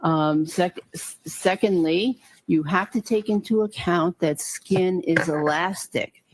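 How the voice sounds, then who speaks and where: Female doctor as courtroom expert witness. Slightly low voice, cautious, halting, qualifies her answers. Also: slight background noise, poor audio. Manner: careful, qualifying, halting with repeated word starts. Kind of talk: courtroom testimony.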